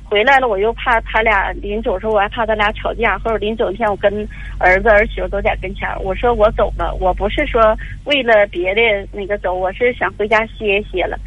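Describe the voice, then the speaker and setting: A woman's voice: mid-range voice, steady tone, brisk, hardly any pauses. Older woman on phone. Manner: tearful, rambling storytelling with many fillers. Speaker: caller. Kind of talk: call-in advice radio. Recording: dull lo-fi phone line.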